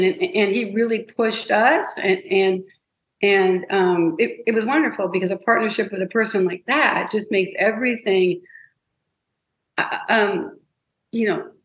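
Animated woman telling stories in a roomy space. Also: medium pitch. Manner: animated, emotional storytelling with many restarts. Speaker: guest, advertising copywriter. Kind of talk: interview storytelling. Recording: roomy echo.

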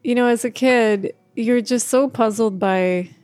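A woman vlogger talking candidly to camera, halting at times with pauses and stuttered restarts. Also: a little high, a little mellow, dry recording. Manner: candid and open. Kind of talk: personal talk to camera.

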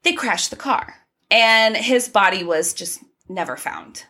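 A woman's voice: mid-range voice, lively intonation, measured pace, sharp tone. A woman co-hosting a casual true crime podcast, running through the case details in a chatty way with small asides. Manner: conversational, reads case facts with asides and laughs.

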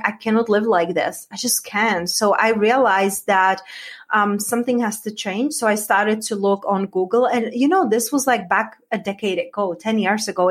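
Earnest Czech-accented woman coach. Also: medium pitch. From Czech Republic. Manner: earnest, heartfelt storytelling. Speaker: guest, women's coach. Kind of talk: podcast interview.

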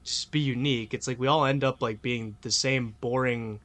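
A man with a medium-pitched, somewhat bright voice speaks at a moderate pace with fairly even intonation. Co-hosting a casual podcast debate, he argues emphatically and rambles, packing in filler words and swearing.

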